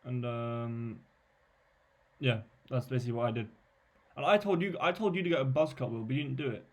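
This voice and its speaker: A man's voice: mid-range voice, a little fast. Laid-back teenage guy. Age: late teens. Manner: relaxed, hedging with fillers. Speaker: co-host. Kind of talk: casual chat.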